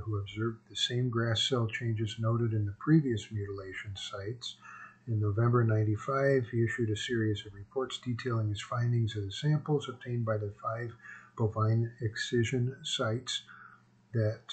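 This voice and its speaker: A man's voice: on the low side, fairly even intonation, moderate pace, breathy edge, rough recording. A man narrating a homemade explainer in an informal, rambling way, his words slurred by missing teeth. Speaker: host of a self-made video series. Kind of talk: casual narrated explainer, partly reading aloud.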